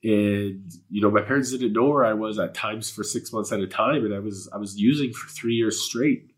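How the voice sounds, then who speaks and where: Talking at a normal speed, an earnest, low-voiced man from Canada, a native Polish speaker, is interviewed as a guest in candid personal conversation. He rambles sincerely and spiritually, with lots of fillers and curses.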